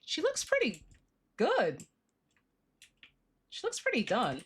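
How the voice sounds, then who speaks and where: A woman's voice: a little high, wildly swooping pitch, slow, husky. A woman livestream host chatting casually while she draws, with a cute, bubbly anime-streamer manner and playful, informal slang.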